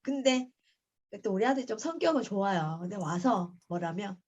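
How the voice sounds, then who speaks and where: A woman's voice: mid-range voice, expressive, moderate pace, a little mellow, lo-fi sound. A middle-aged woman tells a personal story in a book club, acting out quoted lines with a raised voice. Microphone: video call.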